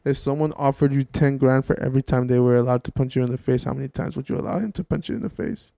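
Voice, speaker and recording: A man's voice: mid-range voice, fast talker, creaky, warm tone, dry recording. A man hosting a podcast in casual chat, with slangy frat-bro banter. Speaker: podcast host.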